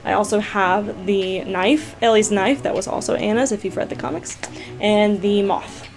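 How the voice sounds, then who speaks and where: A young woman gaming vlogger, telling a story casually to camera, chatty and excitable, full of "like" and "you guys". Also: medium pitch, moderate pace. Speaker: gaming YouTuber answering viewer questions.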